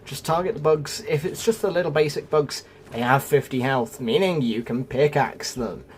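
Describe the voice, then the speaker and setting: A man with a slightly high voice hosts a gaming guide, walking viewers through it step by step in scripted narration and calling them "folks." He speaks at a moderate pace, with music playing under his voice and a little background noise.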